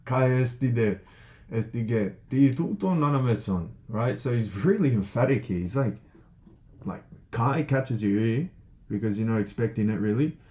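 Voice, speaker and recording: A man teaching a lesson in a casual, chatty way, thinking aloud with lots of fillers and checking in with "right?", and reading passages slowly and carefully. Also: mid-range voice, expressive, mellow.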